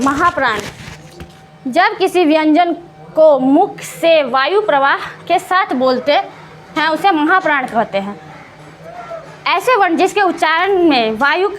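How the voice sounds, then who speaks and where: A woman with a high, fairly bright voice teaches Hindi grammar in a classroom, posing questions to her students and answering them herself. She repeats every key term and stretches out the sounds when giving vowel and consonant examples.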